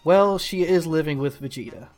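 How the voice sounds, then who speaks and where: A woman co-hosting a casual podcast chat, wry and quick to laugh. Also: deep voice, a little mellow, soft background music. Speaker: podcast co-host.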